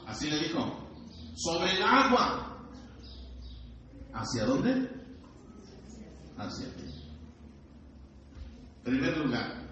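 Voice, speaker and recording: A man's medium-pitched voice fills a church hall as he preaches, hurling rhetorical questions at the congregation and animatedly acting out screams. Slight background noise comes through, and the hall recording sounds dull, distant and heavily echoey.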